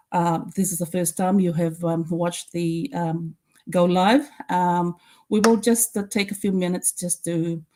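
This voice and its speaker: Older female host from Fiji, low mellow voice, hesitant and filler-heavy. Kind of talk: casual online live chat.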